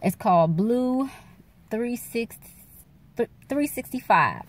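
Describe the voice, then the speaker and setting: A woman's voice: fairly high pitch, animated, slow. A woman in her forties talking candidly to her phone camera at night, rambling and calling her viewers y'all. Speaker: vlogger. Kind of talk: casual chat to camera. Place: dark room at night. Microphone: phone camera held close.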